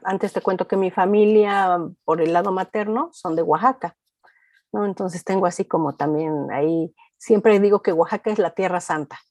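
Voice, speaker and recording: A woman's voice: lowish voice, normal speed, darkish tone, dry recording. A middle-aged woman with a Mexican accent, a culture reporter telling anecdotes in a casual interview and acting out the people she quotes.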